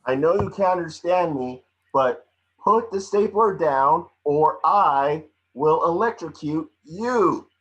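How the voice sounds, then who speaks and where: A man playing a sarcastic, excitable little electric detective creature in an amateur table read. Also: fairly high pitch, takes it slowly, lo-fi sound. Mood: threatening.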